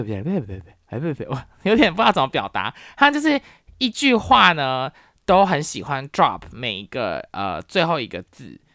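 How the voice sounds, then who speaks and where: Lively, opinionated woman. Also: extremely low pitch, dry recording, clean studio sound. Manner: frank and opinionated, animated storytelling. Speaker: university professor in the US. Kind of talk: casual podcast monologue.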